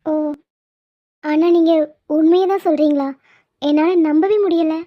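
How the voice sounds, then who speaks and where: A woman voicing a polite, coy young woman on the phone with her old flame in an animated comedy. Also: high-pitched, unhurried, dry recording. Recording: dull lo-fi sound.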